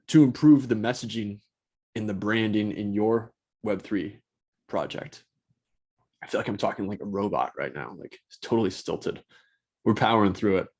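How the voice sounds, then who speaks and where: A man's voice: lowish voice, darkish tone. A man hosting a casual solo talk, blunt and profane, rambling and restarting his sentences. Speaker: host.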